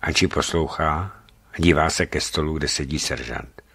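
A man calmly and expressively reading a travel book aloud for radio. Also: very deep voice, breathy edge. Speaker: narrator. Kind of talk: scripted radio book narration.

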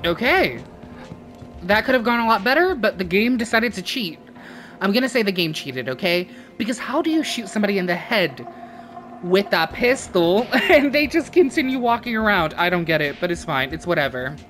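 A woman's voice: medium pitch, very animated, normal speed, a bit bright, soft background music. Swearing woman ranting over a game. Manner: frustrated, swears a lot, ranting. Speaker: gaming YouTuber. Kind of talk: casual let's-play commentary.

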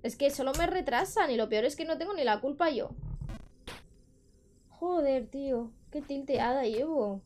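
A woman's voice: high voice, lively intonation, moderate pace, a little mellow, a little hiss or hum. A young woman with a Spain Spanish accent, chatting on a live gaming stream, frustrated and swearing at the game.

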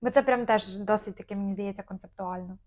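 A woman's voice: medium pitch, quick pace, darkish tone. A young woman co-hosting a casual chat, talking easily with lots of fillers and small hesitations. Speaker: podcast co-host.

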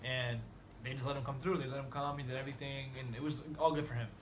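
This casual chat features a twenty-something American man, a medical student guest, talking loosely with some slang inside a small dorm room and laughing without much prompting. He speaks fast at a medium pitch with fairly even intonation, and there's a little background noise.

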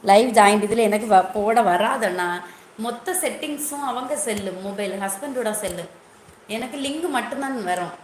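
A woman's voice: fairly high pitch, expressive, moderate pace, roomy sound, a little hiss or hum. A woman hosting a casual live stream, greeting viewers by name one after another and asking how they are.

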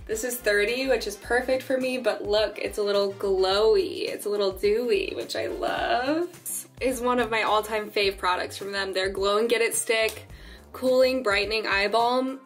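A young woman in her twenties with a slightly raspy voice, chatting casually to camera in her apartment kitchen, full of "like" and "um". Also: medium pitch, low-quality recording. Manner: chatty, relaxed, lots of "like" and "um". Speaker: vlogger. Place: small apartment kitchen, indoors.

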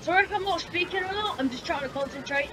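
Over loud game music and engine noise, a woman with a very high voice hosts a racing game playthrough for her gaming channel, talking fast. A sore throat makes her voice a little scratchy as she offers casual commentary and exclaims while concentrating.

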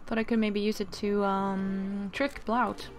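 A woman's voice: medium pitch, little pitch movement, measured pace. A woman giving casual gameplay commentary as a let's play host, musing and thinking aloud. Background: game music.

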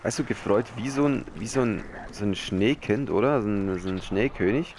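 A man giving casual let's-play commentary, excitable and rambling and now and then swearing. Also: on the low side, normal speed. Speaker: gamer. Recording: noisy game capture.

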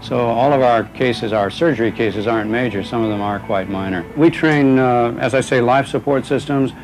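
A man in an interview explaining his job coordinating medics, speaking plainly with many pauses. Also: medium pitch, rough recording. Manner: plain, hesitant with fillers.

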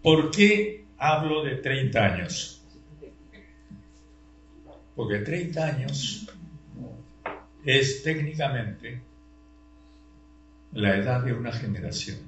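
An older man giving a classroom lecture, tired, slow and deliberate, posing rhetorical questions and pressing his points. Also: medium pitch, lively intonation, a bit bright. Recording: roomy, dull sound with faint hum.

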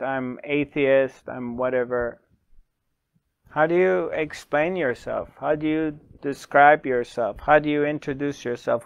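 A middle-aged man, a spiritual teacher, speaking slowly to the camera with long pauses and repeated questions, on a lapel mic in a small studio. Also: a little high, creaky, clean tone, no room sound. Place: small dark studio, indoors.

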